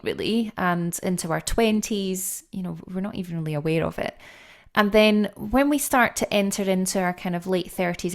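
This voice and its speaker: A middle-aged woman with a lowish voice talks as a guest coach on a podcast. She explains step by step and leans hard on key words. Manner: lively, explains step by step, animated stresses.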